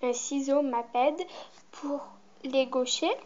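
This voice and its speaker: Chatty teenage girl, high voice, lo-fi. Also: takes it slowly, darkish tone. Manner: chatty, rambling, with many fillers. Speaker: vlogger. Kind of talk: casual show-and-tell vlog. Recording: muffled lo-fi home recording.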